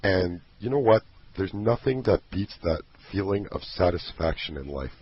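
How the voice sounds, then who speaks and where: A man with a low, husky, animated voice promotes a program he created at a normal speed, captured on a dull lo-fi recording. His casual pitch is earnest and passionate, broken up by many restarts.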